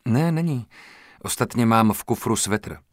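A man voicing a shaken young woman who speaks quietly and thoughtfully, as a character in an audiobook reading. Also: medium pitch, expressive, no echo, studio quality, lightly acted. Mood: quiet, subdued.

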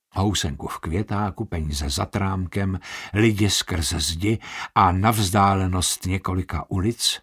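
A man's voice: fairly low pitch, a bit bright, husky. Man reading a novel aloud. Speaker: audiobook narrator. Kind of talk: scripted narration.

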